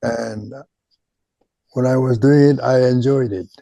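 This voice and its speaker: An older man from Japan, a native Korean speaker with a Korean accent, looks back on his career as a retired chemistry professor in an oral history interview. He speaks haltingly, with many pauses and repeated words. His medium-pitched voice is steady, creaky and warm, recorded with no echo.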